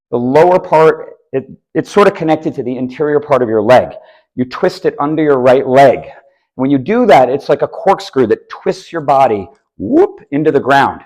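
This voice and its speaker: A man's voice: medium pitch, darkish tone, low-quality recording. Guy explaining disc golf form while doing throws, chill, kinda winded. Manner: explains while demonstrating throws, casual asides. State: a bit out of breath. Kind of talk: instructional demonstration. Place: outdoors on a course.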